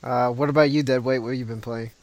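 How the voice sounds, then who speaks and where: A man's voice: mid-range voice, fairly even intonation, fast talker, darkish tone, no echo. Upbeat male podcast host, dry sound. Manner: upbeat, laughs often, loose with fillers. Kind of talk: casual podcast chat.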